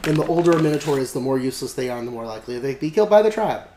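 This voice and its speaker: A man's voice: mid-range voice, animated, rapid-fire, mellow. Rambling man in an echoey room. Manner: rambling, full of fillers and restarts. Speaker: podcast host. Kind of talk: casual chat about a tabletop game. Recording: echoey room with faint noise.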